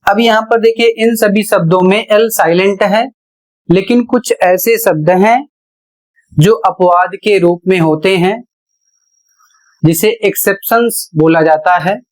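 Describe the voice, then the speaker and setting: Very unhurried, a high-pitched male teacher walks through an English pronunciation lesson. Before saying each word, he spells it out letter by letter, then patiently explains the rule.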